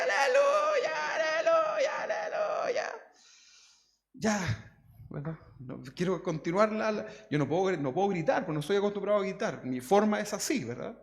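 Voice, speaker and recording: A man's voice: fairly high pitch, a little mellow. A man preaching a conversational sermon, always adding tag questions to his congregation. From Chile. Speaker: pastor. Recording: long church hall reverb.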